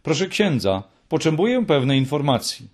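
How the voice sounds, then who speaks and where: An energetic middle-aged male engineer from a storybook speaks up in a lifted, eager voice, as a man puts him on. The tone is gravelly and a little husky. It swings about lively in pitch. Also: moderate pace. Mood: insistent. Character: brisk middle-aged male engineer, gruff turned kindly.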